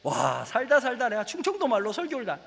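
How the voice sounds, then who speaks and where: A middle-aged man preaching a lively comic sermon as a guest pastor in a large church, storytelling with playful dialect bits. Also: very high-pitched, gravelly, in a large hall, slight background noise. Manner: animated storytelling, slips into rustic dialect voices for laughs; says he talks very fast.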